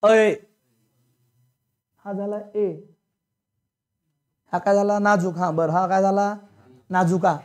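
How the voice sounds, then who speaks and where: A man's voice: sits high, steady tone, measured pace, long pauses. Blunt male teacher drilling a class. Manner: drills the class with repeated questions; scolding, colloquial and blunt. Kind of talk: classroom grammar lecture. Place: classroom with students.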